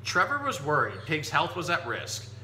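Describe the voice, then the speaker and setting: A man working as a zookeeper reads a picture book to kids and explains animals in an easygoing lesson. His fairly high voice swoops wildly in pitch at a normal speed, recorded with roomy echo, background noise, and hum.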